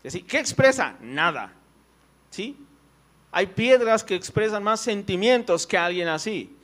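A man's voice: sits high, lively intonation, measured pace, fairly bright tone. A man preaching a conversational sermon in church. He tells personal stories, full of fillers and "right?" tags.

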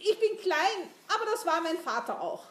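A woman's voice: sits high, big pitch swings, moderate pace. A woman voicing an eager, anxious teenage boy who pleads earnestly in a storybook reading. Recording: roomy echo.

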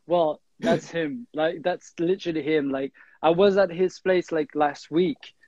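A man's voice: on the high side, fairly even intonation, a little slow, a little mellow, no echo, highs cut off. A young man from Switzerland, chatting casually as an interview guest, full of fillers and restarts. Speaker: guest, freerunner and kendama player.

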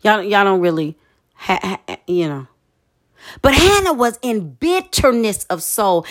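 A woman preaching a sermon in an expressive, conversational way, with dramatic asides. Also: medium pitch, unhurried.

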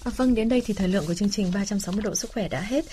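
A woman's voice: mid-range voice, racing, over loud music. A woman hosting a health radio programme, speaking politely as she interviews and addresses listeners. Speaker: radio health show host. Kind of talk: polite broadcast interviewing and sign-off.

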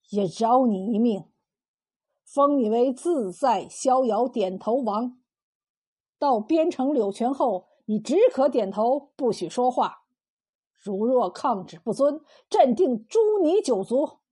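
A woman voicing a stern, wise male emperor who speaks with measured authority. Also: a little high, animated, dark tone, husky, heavily acted. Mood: solemn.

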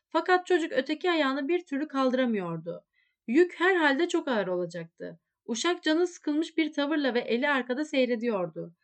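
A woman with a high voice narrates a literary story. Her reading is measured and expressive, carrying the scenes along steadily.

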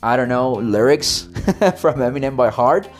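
A man's voice: medium pitch, slow pace, faint music behind. A man hosting a podcast lesson on English intonation, switching between Spanish and English and acting out lines dramatically to demonstrate. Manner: expressive, demonstrates intonation with sung and dramatic readings. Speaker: English teacher and podcast host.

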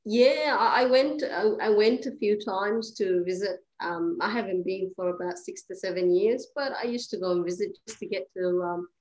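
A woman's voice: mid-range voice, normal speed, few pauses, a little mellow, poor audio. A woman in her thirties from Eritrea, a guest on a podcast interview, talking at home with frequent restarts and easy laughter. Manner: hesitant, many restarts and fillers, laughs easily. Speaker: guest, cleaning business founder. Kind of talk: podcast interview, casual conversation. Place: at home during lockdown.

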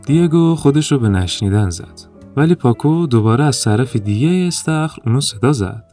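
A man narrating a children's story in a calm, even storytelling manner. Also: mid-range voice, faint music behind.

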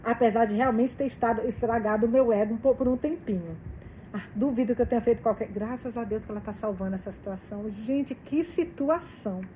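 A woman's voice: a little high, fairly quick, warm tone, slight background noise, low-quality recording. A woman reading a novel aloud, reacting emotionally and swearing between passages. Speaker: book reader.

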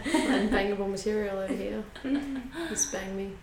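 A woman's voice: mid-range voice, completely flat delivery, normal speed, creaky, crowd noise. A woman co-hosting a casual chat, joking and blunt as she banters. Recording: echoey room, faint background noise.

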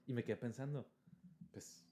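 A man talks on a podcast in a loose, joking way, full of slang. His pitch sits in the middle, and he keeps an easygoing tone. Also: normal speed, mellow, husky. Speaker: podcast host. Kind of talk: casual chat.

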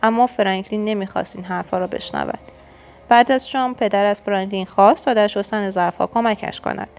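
A woman reading a children's storybook aloud in a calm narrating voice. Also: mid-range voice, soft background music.

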